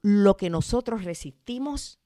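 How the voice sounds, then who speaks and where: A woman hosting a motivational podcast, talking in a lively way and acting out quoted lines. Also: mid-range voice, a little slow. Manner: lively, laughs often, acts out quotes. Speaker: podcast host.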